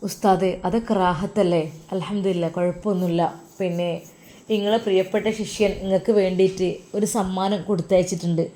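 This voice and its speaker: A woman's voice: lowish voice, steady tone, fairly quick, warm tone, close to an everyday voice. A woman voicing a kind young religious teacher who talks in a friendly, reassuring way.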